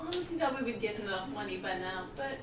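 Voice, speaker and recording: A woman's voice: medium pitch, animated, quick pace, background noise. Playful woman player, roomy far-off mic. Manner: playful, jokes in a put-on French accent. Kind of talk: casual tabletop game chat. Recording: roomy sound from a distant mic with music behind.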